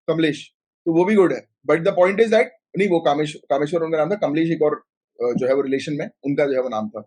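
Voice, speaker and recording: A man teaching a live online exam-prep class, speaking Hindi with a north Indian accent, mixing in English terms and asking students quick questions. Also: on the high side, darkish tone. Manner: chatty, mixes Hindi with English terms, many fillers.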